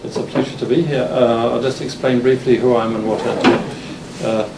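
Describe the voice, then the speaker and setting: Halting and full of restarts and fillers, this conference lecture comes from an English-born university lecturer in his fifties who is based in Denmark and has an English accent. His voice sits in the mid range with a steady tone, recorded distantly in a roomy, noisy hall.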